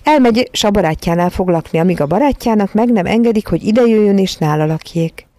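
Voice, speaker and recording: A woman voicing a calm, matter-of-fact young nanny in a storybook reading. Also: medium pitch, no room sound, lightly acted.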